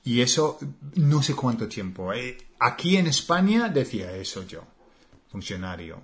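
A man with an English accent speaking Spanish, co-hosting a relaxed language lesson, slow and hesitant with many fillers. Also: mid-range voice. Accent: English learner speaking Spanish. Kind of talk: casual conversational lesson.

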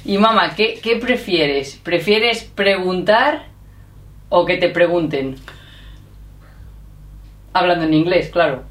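A woman, hosting a casual interview with lively, teasing questions. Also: lowish voice, slow, long pauses. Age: 30s. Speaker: interviewer, video host. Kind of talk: casual chat. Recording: echoey room, distant mic.

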